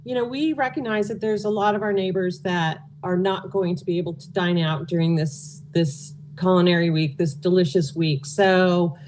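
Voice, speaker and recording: A woman who organizes local events for a food and beverage nonprofit answers interview questions in a casual, candid manner. Her voice is fairly low and darkish, steady and at a moderate pace with few pauses, over slight background noise.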